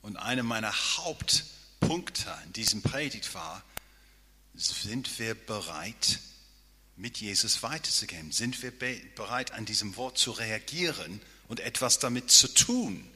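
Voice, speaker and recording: A male pastor delivers a sermon in a slow, unhurried cadence, his voice very bright and edged with a husky grain. He speaks earnestly and keeps turning to the congregation with a questioning "ja?". The sound carries a long reverb from a church hall. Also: on the low side, animated. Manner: earnest, often checks in with listeners with a questioning "ja?".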